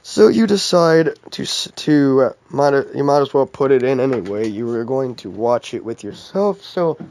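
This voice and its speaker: Man, young adult, mellow dark tone, casual story reading, stumbles and restarts, chatty asides. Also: mid-range voice, lively intonation, moderate pace. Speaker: fan fiction reader. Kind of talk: second-person story reading.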